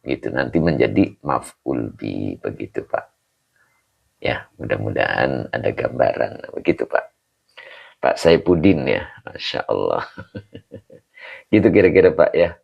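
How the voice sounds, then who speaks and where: A man with a hoarse, very deep voice teaching a live online class as an Islamic teacher, explaining patiently and tagging phrases to his listeners. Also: animated, a little slow, long pauses. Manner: explains patiently, ends phrases with "begitu, Pak". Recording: dull lo-fi livestream audio.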